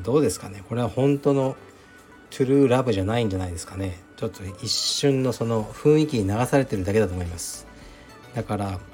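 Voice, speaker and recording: Low-voiced middle-aged man musing frankly. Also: darkish tone. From Fukuoka, Japan. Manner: frank, musing, self-deprecating, thinks aloud with fillers. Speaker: podcast host answering a listener. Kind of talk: casual advice monologue.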